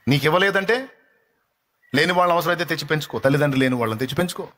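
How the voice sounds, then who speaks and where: A man preaching with a high, ringing voice that rushes ahead at a brisk clip. He exhorts and rebukes in a forceful live sermon, hammering phrases again and again. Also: animated. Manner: forceful, exhorting, rapid repetitions. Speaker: pastor. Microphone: live-stream microphone.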